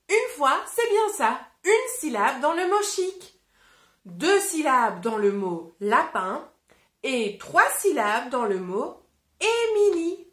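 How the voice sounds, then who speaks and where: Slow, lively French woman teacher. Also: high-pitched, roomy sound. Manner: encouraging, addresses child directly; slow, clearly articulated. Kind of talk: interactive read-aloud lesson for children.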